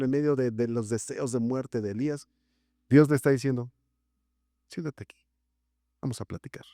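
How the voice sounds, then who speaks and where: A man preaching a sermon, acting out the voices of the text with dramatic swings in pitch. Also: mellow, dry recording, clean studio sound. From Mexico. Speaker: pastor. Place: church sanctuary.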